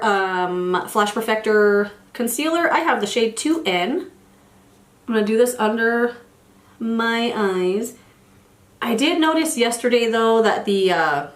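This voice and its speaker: In an echoey room, a medium-pitched American woman in her forties talks through her makeup routine as a beauty vlogger. It's relaxed get-ready-with-me chatter, her nose slightly stuffed up after a cold, with lots of rambling and restarted sentences.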